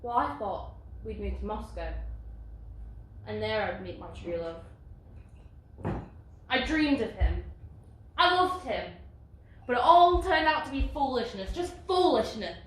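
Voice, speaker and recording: A woman acting a despairing young sister on stage, sighing and breaking into anguished shouts. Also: medium pitch, takes it slowly, long pauses, a little hiss or hum, natural voice. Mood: wistful. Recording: distant, echoey stage with violin music.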